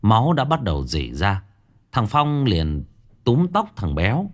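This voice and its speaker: A man narrating a story in a dramatic, expressive way. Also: fairly low pitch, a little slow.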